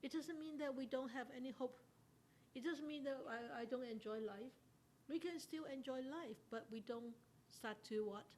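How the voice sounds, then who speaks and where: A Buddhist nun giving an interactive Dharma talk to a study class, unhurried, questioning her listeners and laughing often. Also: high-pitched, a little mellow, slight background noise.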